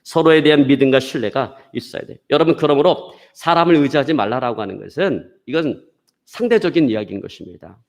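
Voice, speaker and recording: Korean pastor preaching with a story. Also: male voice, medium pitch, expressive, fairly quick, vocal fry. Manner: preaching with a story, addresses the congregation often. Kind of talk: sermon.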